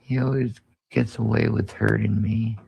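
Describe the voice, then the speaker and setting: Drowsy, gravelly mumbling woman. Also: a bass voice, fairly even intonation, moderate pace, mellow, no echo. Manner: mumbling, half-whispered and drowsy. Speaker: livestreamer. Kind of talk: late-night livestream chat.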